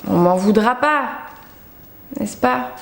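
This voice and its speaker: A young woman book vlogger speaks slowly in a gravelly, mid-range voice with lively intonation. She chats casually about the books she bought, talkative and self-mocking with lots of fillers, in an echoey room.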